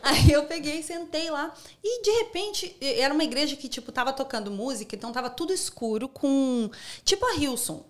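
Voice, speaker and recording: A young adult woman with a Brazilian Portuguese accent tells a personal story as a podcast guest, speaking casually with slang and acting out the lines she quotes. Her voice sits high, with lively intonation and a fairly quick pace.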